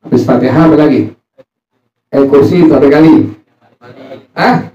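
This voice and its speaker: Here the preacher speaks at a moderate pace, his somewhat high male voice carrying a dark tone. Joking as he goes, he asks his audience questions and supplies the answers himself during this informal religious study sermon. Faint music plays in the echoey hall, and the sound is roomy, distant and muffled.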